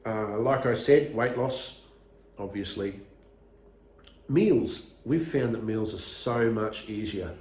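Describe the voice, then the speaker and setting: A man's voice: on the low side, slow pace, a little mellow, roomy sound. A self-deprecating man in his fifties, chatting casually in a home vlog and laughing at his own verbal fillers. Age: 50s. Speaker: vlogger.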